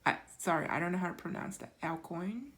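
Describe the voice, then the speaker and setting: A woman giving a pick-a-card tarot reading in an unhurried, reassuring way, often checking in with "right?" and filling pauses with "um". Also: on the low side, fairly even intonation, fairly bright tone. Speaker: tarot reader.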